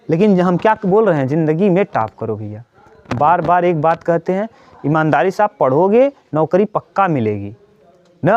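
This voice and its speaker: A man's voice: high-pitched, a little mellow, no echo. Earnest male teacher lecturing students. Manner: earnest lecturing, repeats points, asks and answers his own questions. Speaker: coaching teacher. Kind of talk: motivational talk to students during a maths class. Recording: dry, dull lo-fi sound.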